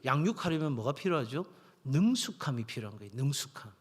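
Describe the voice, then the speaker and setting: A man's voice: mid-range voice, sing-song, fast, husky. Middle-aged male pastor, storytelling sermon, long church reverb. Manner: storytelling, acts out voices in anecdotes. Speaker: senior pastor. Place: church sanctuary.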